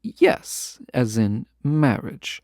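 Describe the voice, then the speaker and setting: A man plays a proud fantasy ruler in a romantic audio roleplay, speaking earnestly and hopefully with yearning, in a formal, deliberate manner full of hesitant pauses. His mid-pitched, darkish voice has a strong gravelly fry and moves slowly, yet he is very animated and fully in character. The recording is dry and intimate.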